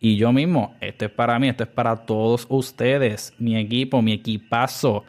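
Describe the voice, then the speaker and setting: A man's voice: medium pitch, steady tone, moderate pace. A young man with a Puerto Rican accent hosting a casual podcast monologue, chatty, with many fillers and English words mixed in. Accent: Puerto Rican Spanish. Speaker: podcast host.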